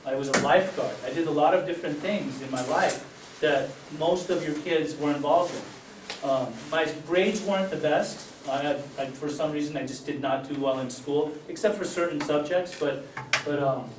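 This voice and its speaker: A middle-aged man born in Germany and raised in Utah, giving an earnest personal recovery testimony with many fillers and pauses. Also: a little high, slight background noise. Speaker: recovery speaker. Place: event hall. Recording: echoey hall, distant mic.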